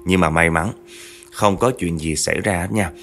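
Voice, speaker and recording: A male storyteller with a lowish voice, telling the tale in a chatty style and turning often to his listeners. Faint music runs under his narration. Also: moderate pace, fairly bright tone. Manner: chatty, addresses listeners directly. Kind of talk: narrating a true spooky family story.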